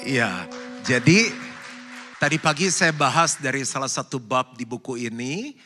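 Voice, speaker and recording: Guy pastor preaching loose and chatty, bright punchy voice, big reverby church hall with faint music. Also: medium pitch, animated, unhurried. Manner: casual, joking preaching with rhetorical questions to the congregation. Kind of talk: sermon.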